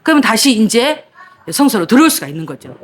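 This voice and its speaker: A woman pastor preaching, telling a personal story in a lively, dramatic way, acting out her own past cries and protests. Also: a little high, fast talker, slight background noise. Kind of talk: sermon with personal testimony.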